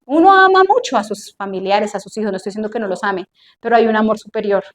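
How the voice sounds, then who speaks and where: A woman's voice: medium pitch, fast talker. A woman preaching a sermon to a congregation, emphatic and drawn out, with questions thrown to the listeners. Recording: echoey room, faint noise.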